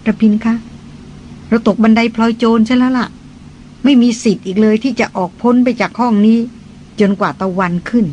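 A reader doing a gently teasing young lady. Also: medium pitch, slight background noise, close to an everyday voice, rough recording. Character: young noblewoman, shy but teasing.

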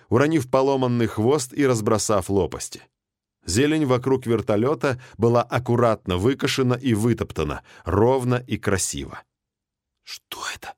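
Man with a lively lowish storytelling voice. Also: no room sound, studio quality. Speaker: narrator. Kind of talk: audiobook narration.

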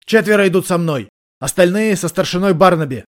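A man's voice: high-pitched, a little fast, pitched above the performer's own voice, natural voice. A man voicing a tough male police officer who gives short, firm commands. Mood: commanding. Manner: barking curt orders.

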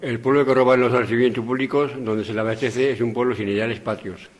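An actor playing a pompous, callous defender of order and commerce in a radio drama. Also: male voice, medium pitch, fairly even intonation, fast, close to an everyday voice.

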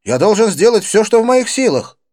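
A man reading an audiobook, voicing an eager, excitable young man caught up in a street race. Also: high-pitched, a little fast, no echo, studio quality, pitched above the performer's own voice. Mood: excited.

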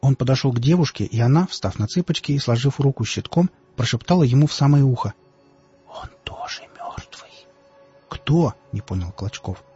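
A man narrating an audiobook in a steady storytelling voice. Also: medium pitch, fast talker, hardly any pauses. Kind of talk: scripted narration. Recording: dull lo-fi audiobook, faint music.

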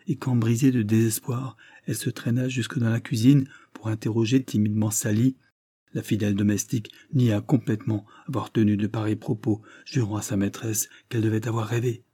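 A man narrating a classic novel as an audiobook, in a measured, even delivery. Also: on the low side, breathy edge.

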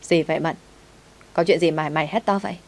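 A woman's voice: sits low, steady tone, a little fast. A woman voicing a brusque young man, the master of a rich house, curt and teasing with his servant.

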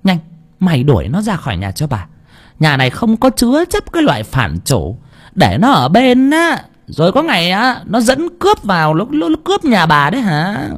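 A man's voice: fairly high pitch, wildly swooping pitch, a little fast, husky, heavily acted. A man voicing a cruel, hot-tempered old mistress who screeches abuse. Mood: furious. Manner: screeching, abusive, wailing.

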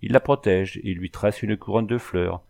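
A man's voice: on the low side, normal speed, gravelly, a little mellow. A man voicing an old sorceress who speaks in solemn, cryptic riddles. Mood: oracular. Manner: solemn, oracular speech in riddles.

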